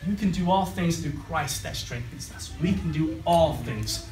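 A man's voice: a little high, animated, unhurried, darkish tone. A young man preaching a short sermon and then a prayer, repeating phrases and calling on God again and again, standing and gesturing in a small room. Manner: exhorting, repeating phrases, calls on God in every line of prayer. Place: small room with brick wall. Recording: roomy, distant, music behind.

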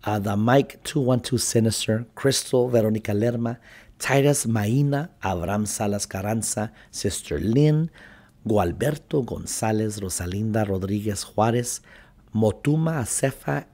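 Gravelly low-voiced man preaching. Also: slow, darkish tone. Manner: fervent preaching, appeals to viewers. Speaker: pastor and show host. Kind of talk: sermon.

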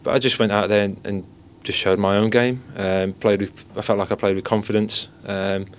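A young male football goalkeeper with a soft, low voice gives a post-match interview in an indoor press area beside a sponsor board. He speaks at normal speed with little pitch movement, modestly falling back on stock phrases, while several handheld mics and phones are held close and slight background noise comes through.

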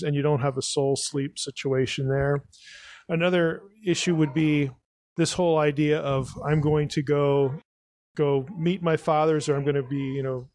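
A man's voice: on the high side, a little mellow, no echo. Man thinking aloud at a live Q&A. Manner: thinks aloud, restarts, leans on "again" and "you know". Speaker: podcast host answering audience questions. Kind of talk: live audience Q&A explanation. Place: live event before an audience.

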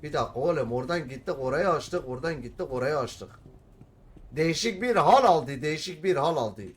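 A man's voice: medium pitch, slight background noise. Bir oyunu oynarken bulmacaları kendi kendine çözen, zaman zaman heyecanla bağıran bir adam; oyun yorumu yapıyor. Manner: talks to himself while solving puzzles, bursts into shouting. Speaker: gamer. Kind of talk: let's play commentary.

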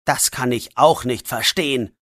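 Sarcastic teenage boy voiced by the narrator, slow and clear. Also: medium pitch, a bit bright, dry recording, clean studio sound, pitched below the performer's own voice, lightly acted. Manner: scolding, sarcastic. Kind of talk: audiobook role voice.

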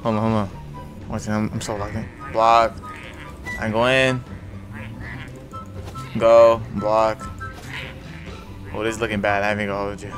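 A young man giving casual, slangy gameplay commentary in a low mumble, with faint music behind. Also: little pitch movement, unhurried, pauses often. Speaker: gaming YouTuber.

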